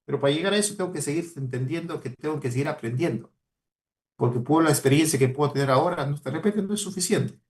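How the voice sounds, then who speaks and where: A man from Peru talks fast in a voice on the high side with a darkish tone. He is a mining professional and guest speaker giving students a motivational talk in Peruvian Spanish-accented speech, earnest and exhorting, repeating important words to stress them.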